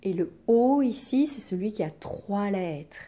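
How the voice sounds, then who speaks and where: Woman schoolteacher, patient and unhurried, warm low-key timbre, coaxing questions to kids. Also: lively intonation. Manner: slow, patient, stretched-out syllables, questions to the class. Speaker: primary school teacher. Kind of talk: remote reading lesson for young children.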